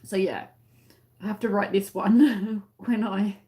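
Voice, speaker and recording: A woman's voice: mid-range voice, steady tone, takes it slowly, dark tone. A woman with an Australian accent chatting casually to live-stream viewers in a rambling, conversational way, often trailing off mid-thought. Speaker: crochet tutorial live-stream host.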